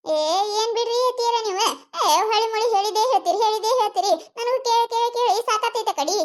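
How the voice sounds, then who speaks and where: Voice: extremely high pitch, fast talker. A performer voicing a deaf, stubborn young village daughter-in-law in a cartoon, complaining in a North Karnataka Kannada accent. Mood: exasperated. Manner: complaining, exasperated.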